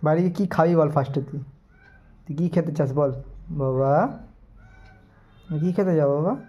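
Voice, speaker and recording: A man's voice: on the high side, normal speed, mellow. A man vlogging as he plays with his pet dog, coaxing and teasing it in affectionate baby talk. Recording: dull lo-fi phone audio.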